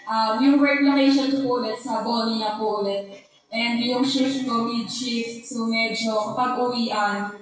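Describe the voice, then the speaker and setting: A woman's voice: on the high side, steady tone, unhurried. Young woman sharing a polite testimony. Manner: polite, soft-spoken, honorific po. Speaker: church member giving testimony. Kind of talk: testimony in worship service. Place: church hall. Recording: very echoey hall from far off.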